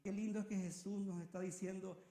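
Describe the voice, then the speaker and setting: A male preacher delivers a sermon with high, ringing tones, surging into loud climaxes and then sinking into hushed repetitions. His voice echoes around the church sanctuary. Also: little pitch movement, fairly quick.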